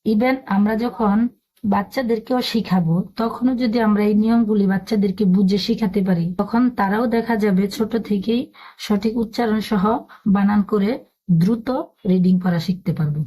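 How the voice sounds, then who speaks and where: A woman's voice: medium pitch, fairly even intonation, normal speed, mellow. Patient woman teaching English spelling. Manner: patient, spells words letter by letter. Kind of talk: spoken lesson.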